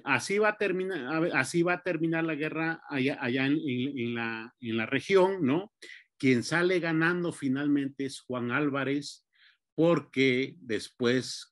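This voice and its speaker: A man giving an academic talk, lecturing at an unhurried pace with many fillers and restarts. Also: mid-range voice. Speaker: panelist.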